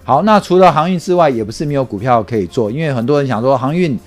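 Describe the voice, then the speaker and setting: A man's voice: medium pitch, lively intonation, fast, soft background music. A man with a Taiwanese Mandarin accent giving conversational stock market commentary as an analyst, explaining things with rhetorical questions.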